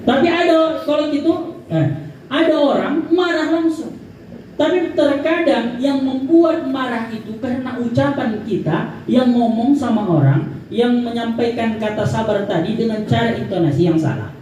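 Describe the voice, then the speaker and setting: A man's voice: very high-pitched, moderate pace, darkish tone. A man giving a religious lecture, talking conversationally, asking the audience questions and acting out everyday speech. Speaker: preacher. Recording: roomy hall, voice from a distance, faint background noise.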